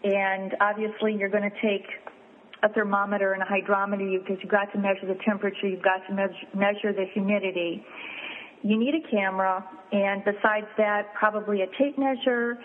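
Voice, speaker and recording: A woman appraiser answering interview questions in a measured, explanatory way, listing points step by step, heard over a phone line. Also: mid-range voice, level tone. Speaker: fine art and wine appraiser, guest. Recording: tinny phone line with faint hiss.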